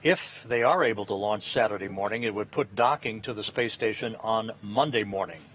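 A man giving live launch commentary from mission control in a halting, deliberate, matter-of-fact way. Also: lowish voice, fairly bright tone, breathy edge. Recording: dull broadcast audio, faint noise.

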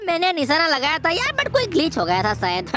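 A woman voicing an excitable, boastful boy cartoon hero while commenting on a game, teasing and shouting at the villain. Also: high-pitched, brisk, very noisy. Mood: excited. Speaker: gameplay commentator. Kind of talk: playful gameplay commentary in character.

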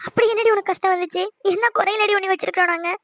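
A woman's voice: very high voice, fairly even intonation, very fast, fairly bright tone. A woman voicing a worried middle-aged mother in a cartoon, alarmed and scolding.

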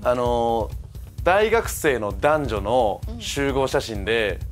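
A man's voice: medium pitch, big pitch swings, slow, faint music behind. A man, a comedian, casually explaining his comic bit in an offhand way. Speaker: comedian contestant.

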